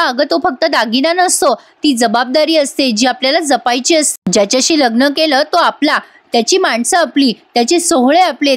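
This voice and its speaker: An earnest young wife and steady elder sister , read by a woman in her own high voice, firm and pleading as she lectures. The voice sits high and carries a serious, moral tone. It is a plain serial-recap reading. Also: lightly acted.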